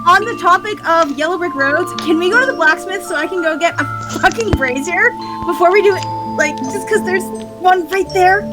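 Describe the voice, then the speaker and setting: A woman's voice: very high-pitched, fairly quick. A woman playing a tabletop game, giggly and casual, swearing now and then. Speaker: player. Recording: music playing behind.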